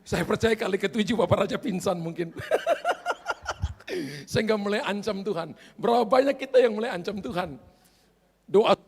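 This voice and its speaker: A man delivers a storytelling sermon, his voice high and gravelly. He acts out his characters' lines as he goes. The sound carries a long reverb from a large hall. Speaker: pastor.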